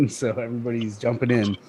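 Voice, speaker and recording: A man's voice: mid-range voice, normal speed, dark tone, slight background noise. A man co-hosting a casual livestream, chatty and upbeat as he talks about his hobby. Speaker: co-host, card breaker.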